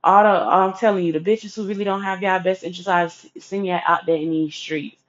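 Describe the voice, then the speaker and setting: A woman's voice: fairly low pitch, steady tone, fairly quick. Blunt, sassy woman ranting advice. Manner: blunt, sassy, heavy swearing. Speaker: advice vlogger. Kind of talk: casual profane advice rant. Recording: dull lo-fi recording.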